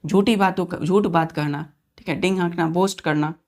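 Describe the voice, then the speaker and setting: Low-voiced woman teaching vocabulary. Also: fairly even intonation, a little fast, darkish tone. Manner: spells words letter by letter and asks quiz-style questions. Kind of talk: vocabulary lesson for exam students.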